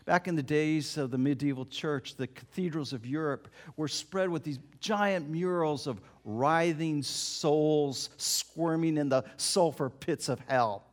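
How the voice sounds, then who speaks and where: A man preaching a sermon, dramatic, dropping to a hush and then rising to loud emphasis. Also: on the high side, unhurried, hardly any pauses.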